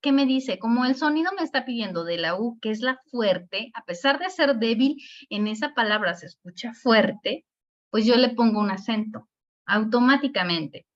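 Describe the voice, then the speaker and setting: A woman's voice: a little high, lively intonation. Mexican woman teaching a spelling lesson. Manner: explanatory, repeats words slowly to show stress. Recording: dull lo-fi recording.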